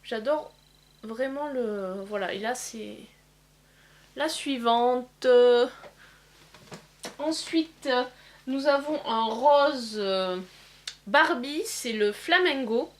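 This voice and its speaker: A woman demonstrating eyeshadow swatches in a casual vlog, pausing often with fillers. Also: fairly high pitch. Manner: hesitant, many filler pauses. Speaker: beauty vlogger. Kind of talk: casual makeup swatch demo.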